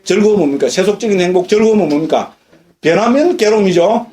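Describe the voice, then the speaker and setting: Monk, middle-aged man, high voice, mellow tone, lively lecture style. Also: fast. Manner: lively, questions the audience often. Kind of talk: dharma lecture. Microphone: lecture recording.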